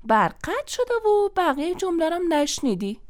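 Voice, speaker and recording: A woman with an Afghan Dari accent hosting a children's show, gently explaining and soothing. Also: extremely high pitch, very animated. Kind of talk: scripted children's TV chat.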